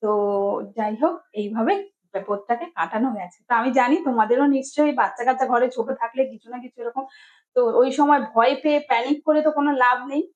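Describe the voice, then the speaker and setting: A young mother tells a personal story straight to her viewers. Her voice sits high, and she rambles in a casual, chatty way, circling back with fillers and restarts. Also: fast, muffled recording.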